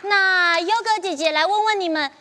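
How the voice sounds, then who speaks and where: A woman's voice: extremely high pitch, moderate pace, very noisy. A young woman with a Taiwanese Mandarin accent hosts a children's game in an exaggerated, sing-song way made for small children. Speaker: children's TV game show host. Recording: reverberant studio with faint music.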